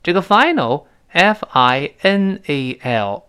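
Animated male teacher, lively delivery. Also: a little high, smooth. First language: Chinese. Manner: explains at length with many fillers, repeats words slowly to model pronunciation. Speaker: English teacher. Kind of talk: spoken English lesson.

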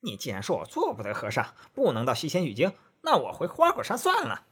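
A man voicing a cocky, quick-tempered male monkey king in a storybook tale, with a brash, mocking manner. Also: fairly high pitch, huge pitch swings, fairly bright tone, breathy edge, exaggerated voice.

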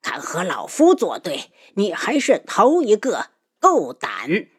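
A woman's voice: low-pitched, big pitch swings, a little slow, breathy edge, heavily acted. A woman doing a scheming old nobleman, cold and sneering. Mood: menacing. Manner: sneering, menacing. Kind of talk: audiobook character voice.

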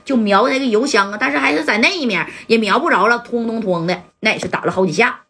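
Husky bright-voiced woman spinning a gangster yarn. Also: fairly high pitch, quick pace. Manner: lively, mimics sound effects and acts out characters' shouts. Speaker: storyteller. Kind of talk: colloquial gangster-tale storytelling.

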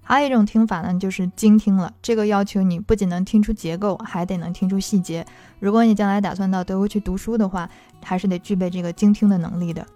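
A woman's voice: medium pitch, steady tone, quick pace, warm tone, soft background music. A woman language teacher giving a patient explanatory talk and walking through worked examples.

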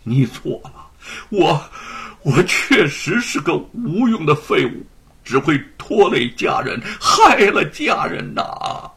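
Man playing a despairing scholar, raspy voice, high strained cries, slow dragged words. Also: big pitch swings, exaggerated voice. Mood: broken. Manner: shouting, laughing through tears. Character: anguished middle-aged male scholar-writer.

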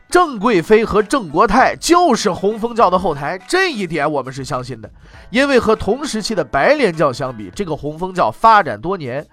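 A man's voice: on the high side, fairly bright tone. A man telling history in traditional comic storytelling style, with wry, mocking asides.

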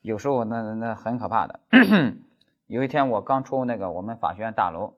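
A man's voice: lowish voice, a little fast, muffled recording. A man giving an exam-prep law lecture as a lecturer, telling stories animatedly with stammered repeats.

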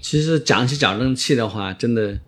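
A man's voice: mid-range voice, normal speed. A middle-aged man, an orthodontist being interviewed, explaining casually and emphatically, often repeating his phrases. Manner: emphatic, repeats phrases, drops in English words.

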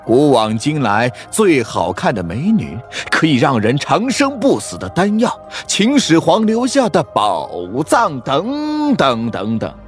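A man voicing a sly male werewolf villain who taunts slowly and laughs as he speaks. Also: fairly high pitch, huge pitch swings, soft background music, pitched above the performer's own voice. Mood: taunting. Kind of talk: audiobook character voice.

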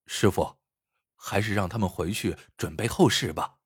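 A man voicing a calm, upright young apprentice doctor who speaks firmly in a spoken story. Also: low voice, moderate pace, husky, no echo, clean studio sound, voice pushed down. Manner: firm, curt.

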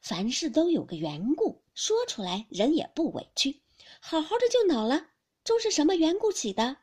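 A woman's voice: high voice, sing-song, moderate pace, darkish tone, pitched above the performer's own voice. Woman voicing an earnest, pleading young nobleman. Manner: pleading, anxious.

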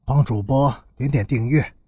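A man narrating an audiobook in an expressive storytelling style. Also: mid-range voice, moderate pace, breathy edge, no echo, clean studio sound.

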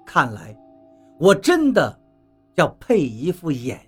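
Husky, lively first-person audiobook narrator. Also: medium pitch, slow pace, faint music behind. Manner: lively, expressive storytelling with acted dialogue.

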